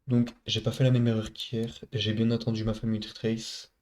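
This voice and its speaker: With a head cold and stuffy nose, a man casually walks viewers through his trade in a screen-recorded recap, treating them like buddies. His voice is lowish and a little mellow, with little pitch movement, a slightly fast pace and lots of hesitations.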